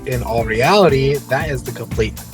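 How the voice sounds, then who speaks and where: A man's voice: medium pitch, moderate pace, over music. A man in a game confessional, frustrated as he recounts an ally's complaints. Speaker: contestant.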